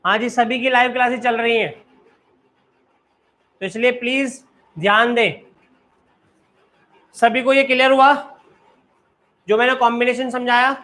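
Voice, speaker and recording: A man's voice: extremely high pitch, steady tone, measured pace, pauses often, bright, forceful tone. A man teaching a live online maths class, often checking that his students follow and urging them to keep studying.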